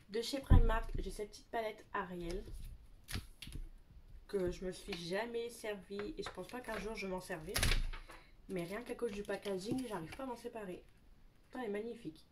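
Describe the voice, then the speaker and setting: A woman's voice: mid-range voice, heavy background noise. Chatty young woman gushing over makeup. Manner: chatty, gushing, repeats words for emphasis. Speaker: beauty vlogger. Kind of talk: casual show-and-tell chat.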